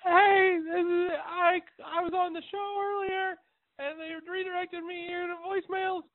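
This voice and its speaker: A man's voice: extremely high pitch, level tone. A man calling in and leaving a rambling voicemail message over a phone line, stopping often with fillers. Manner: rambling, halting, full of fillers. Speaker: caller. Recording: tinny dry phone line.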